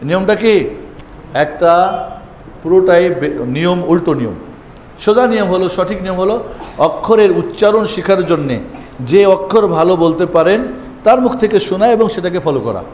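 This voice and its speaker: A man's voice: sits high, lively intonation, normal speed, pauses often, a little mellow. A man teaching a classroom lesson on Arabic letters, chanting the letter names and asking rhetorical questions in a room with a board. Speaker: Quran teacher. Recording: echoey hall with faint background noise.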